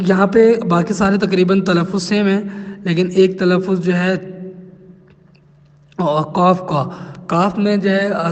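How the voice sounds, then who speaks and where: A man teaching a language lesson from a textbook, explaining patiently and repeating example phrases slowly. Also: high-pitched, long reverb tail.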